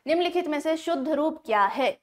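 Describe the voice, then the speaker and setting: A woman teaching an exam-prep grammar lesson, explaining step by step and slowing down to spell words out syllable by syllable. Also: high voice, lively intonation. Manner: explains step by step, often checks in with the class.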